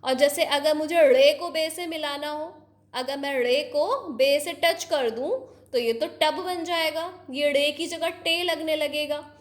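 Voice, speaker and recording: A woman teaching young children, explaining slowly and patiently, often asking questions to check they follow. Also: high-pitched.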